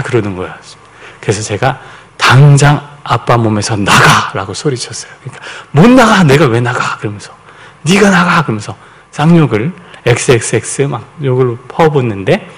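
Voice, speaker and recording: A man preaching a sermon, telling a personal story with frequent hesitant fillers and pauses. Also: on the low side, breathy edge. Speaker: pastor. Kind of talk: sermon testimony.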